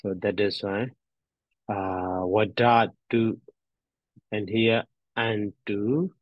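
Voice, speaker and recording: Casting: male grammar teacher, low-pitched, very slow and halting, repeats forms aloud, dull lo-fi sound. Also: fairly even intonation. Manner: halting, repetitive, thinking aloud. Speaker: teacher, addressed as a Buddhist monk. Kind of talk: grammar lesson on verb endings, reciting forms. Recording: dull, roomy lo-fi audio.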